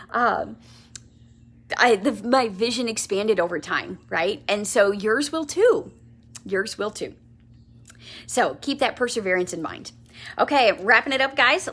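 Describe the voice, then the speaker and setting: A woman's voice: fairly high pitch, a bit bright. A woman talking casually to her viewers, acting out little quoted exchanges in an upbeat way. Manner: chatty, acts out quotes with upbeat bursts. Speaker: host. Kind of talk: casual talk to camera.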